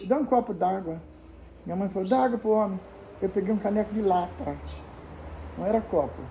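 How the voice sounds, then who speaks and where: An older Brazilian woman answers viewer questions by sharing childhood memories in a homely, casual manner, acting out the dialogue of the people in her story. Her mid-range voice has a dark tone, and the rough recording carries a little hiss or hum.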